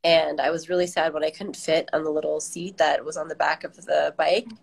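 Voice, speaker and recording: Low-pitched and husky with vocal fry, she talks briskly in a fairly even intonation. A middle-aged garden director from Southern California with an American accent, she gives reflective interview answers over a video call at home, device held at arm's length.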